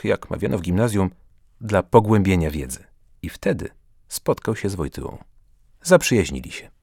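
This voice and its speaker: Gravelly, expressive male audiobook narrator. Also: fairly low pitch, no room sound, studio quality. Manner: expressive, first-person guardian-angel narrator. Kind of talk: scripted storybook narration.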